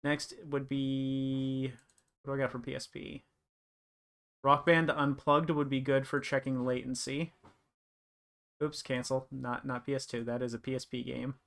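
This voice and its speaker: A man's voice: medium pitch, flat delivery, unhurried, gravelly, a bit bright. A young man chatting casually on a live stream, thinking aloud and rambling with lots of fillers.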